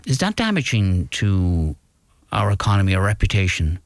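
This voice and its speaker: A man with an Irish accent hosting a panel, asking probing questions in a conversational, halting way. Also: low voice, sing-song, no room sound. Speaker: radio host. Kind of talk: conversational interviewing.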